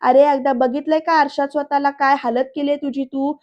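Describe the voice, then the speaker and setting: A woman's voice: sits high, level tone, a little fast, darkish tone, highs cut off, natural voice. A woman voicing an angry, worried young woman who scolds her brother in a heated way. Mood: scolding.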